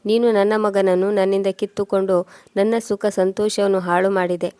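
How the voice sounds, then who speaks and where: A woman's voice: medium pitch, little pitch movement, normal speed, warm tone, no echo, natural voice. A woman voicing a harsh, scornful old mother-in-law who scolds in cutting words.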